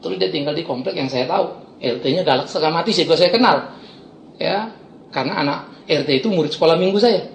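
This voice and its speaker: A middle-aged man, a pastor preaching a sermon and telling stories with lively swings from loud to soft. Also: on the high side, fast, gravelly, roomy sound, a little hiss or hum. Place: church.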